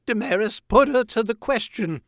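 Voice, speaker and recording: A man reading aloud and voicing a terrified captured traitor lord, pleading in a shrill voice. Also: fairly even intonation, takes it slowly, fairly bright tone, no echo, studio quality. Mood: panicked.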